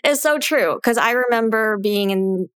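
A woman's voice: a little high, normal speed, a bit bright, clean tone, no room sound, clean studio sound. A woman hosting a podcast interview, talking in a chatty way with many "like" fillers. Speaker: podcast host. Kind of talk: casual interview chat.

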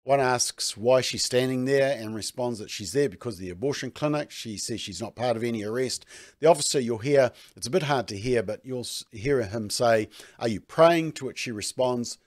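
A man's voice: mid-range voice, fairly quick. A man hosting a news commentary segment, speaking with a sarcastic edge. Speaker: host.

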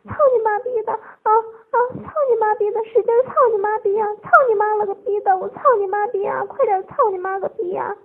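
A woman voicing a female bank manager in her forties, shy turning eager, speaking in breathless high-pitched bursts. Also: animated, a little slow, breathy edge, full character voice. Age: 40s. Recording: tinny phone-like lo-fi audio.

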